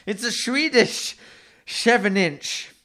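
A male radio host rambles through comedic chat, scatterbrained and mocking himself. His voice sits high, sharp-toned and expressive, and he takes his time.

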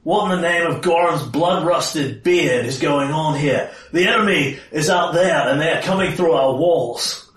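A man voicing a forceful character who steps in to stop a fight and orders people to stand down. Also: fairly high pitch, measured pace, few pauses, pitched above the performer's own voice. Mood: commanding, stern. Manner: forceful, raised commanding voice. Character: commanding man stepping in to stop a brawl. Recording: echoey room, far mic, faint noise.

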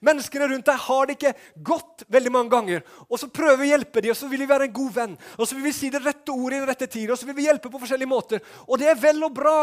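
High-voiced, fervent male preacher. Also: hardly any pauses. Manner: fervent, often shouting, with swings between loud and hushed. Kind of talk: sermon.

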